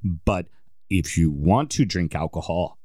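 A man's voice: low voice, lively intonation, unhurried, mellow, dry recording, studio quality. A man hosting a casual sports podcast, with joking, rambling, self-deprecating banter. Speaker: podcast host.

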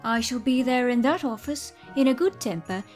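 A woman's voice: high voice, moderate pace, a little mellow, natural voice. Cheerful, stubborn young niece voiced by a woman, jolly yet solemn, faint music bed. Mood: determined. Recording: background music.

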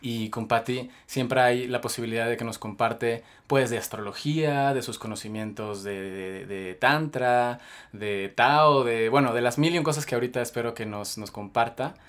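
A podcast host with a Mexican accent introduces his guest at length in a casual interview, rambling and leaning heavily on fillers. His voice is mid-range and fairly bright at a normal speed.

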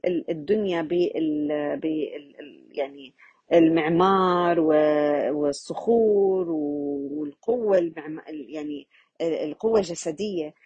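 A woman's voice: on the low side, mellow, slightly rough, no room sound, dull audio. A woman gives an informal Quran reflection lesson, talking conversationally and asking her listeners rhetorical questions. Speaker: religious teacher.

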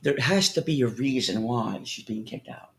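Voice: medium pitch, animated, moderate pace, vocal fry, fairly bright tone. A podcast co-host, bantering bluntly with heavy swearing and sarcasm. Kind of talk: casual crude banter.

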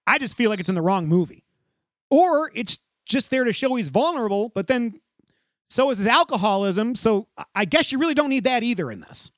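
A man's voice: extremely high pitch, lively intonation, no room sound, clean studio sound. A man hosting a podcast, chatting about a movie and laughing often, then leading the ratings segment. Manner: quick to laugh, runs the segment. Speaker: podcast host. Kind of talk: casual movie discussion.

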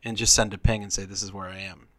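Bright-voiced man in casual chat. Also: fairly low pitch, level tone, fast talker, dry recording. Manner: rambling, restarts thoughts, speculative. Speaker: podcast co-host.

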